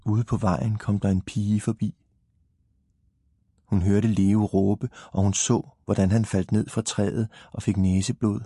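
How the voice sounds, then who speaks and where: A man reading a children's audiobook in a dry, gently humorous narrating voice. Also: lowish voice, level tone, breathy edge, dry recording. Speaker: audiobook reader. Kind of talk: scripted narration of a children's book.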